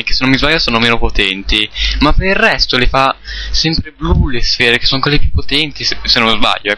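A man commentates casually over his gameplay in a very bright, sharp-edged voice. He rambles and halts, correcting his own words as he goes. The sound is that of a cheap computer mic, with faint noise and clicks behind him. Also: mid-range voice, poor audio. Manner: rambling, self-correcting, halting. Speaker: gamer recording a let's play.

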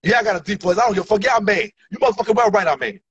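It's a heated rant shot on a phone at arm's length inside a room, with dull lo-fi audio. The man's voice is high-pitched, fairly bright and slightly rough, firing words off rapidly. He's angry and profane toward his followers, repetitive and waving his arms wildly.

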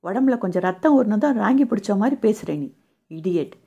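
A caring young man in a spoken romance novel, firm and quick to flare up in anger. A woman reads him in her own voice, low and mellow with a gravelly, husky edge. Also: animated, dull audio, heavily acted. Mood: angry. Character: young man, caring but hot-tempered hero.

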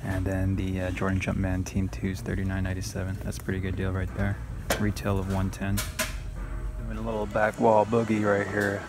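A man's voice: low-pitched, monotone, a little fast. A man casually narrating while browsing a store, reading out prices in an offhand way with fillers. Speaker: sneaker reseller vlogger. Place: inside a retail store. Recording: loud store music behind. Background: loud music.

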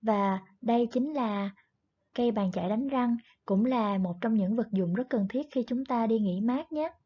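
A woman's voice: on the high side, normal speed. A woman teaching a primary English class online, patiently explaining words and repeating each one twice. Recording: dull lo-fi recording.

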